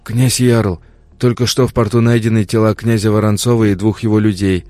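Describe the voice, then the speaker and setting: A man's voice: on the low side, flat delivery, a little fast, a little mellow, no room sound, lightly acted. A man voicing a loyal male aide delivering grim news in a fantasy audiobook, with a tense, urgent manner. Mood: alarmed.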